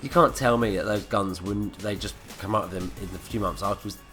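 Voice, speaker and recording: This male gaming commentator is stuffed up with a cold as he rants and curses over his gameplay. His voice sits on the low side with a slightly bright quality, and he talks a little fast while faint music plays behind him.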